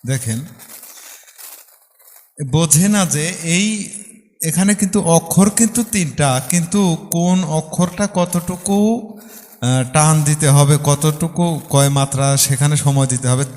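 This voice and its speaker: Bangladeshi guy teaching music, kinda high voice, counts beats, sings little bits slow, room has a long echo. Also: steady tone, darkish tone. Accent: Bangladeshi Bengali. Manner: patient and explanatory, counts beats aloud and sings short phrases slowly. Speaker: harmonium and singing teacher. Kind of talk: music lesson explaining rhythm and counting beats.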